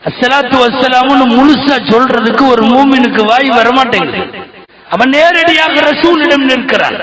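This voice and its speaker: A middle-aged man with a Tamil Nadu accent preaches a fervent sermon in a high, lifted voice. His questions climb even higher as he presses the point. The sound rings around a reverberant mosque hall, with a congregation audible behind him. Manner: impassioned, rising pitch on rhetorical questions. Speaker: Islamic scholar giving a Hajj talk.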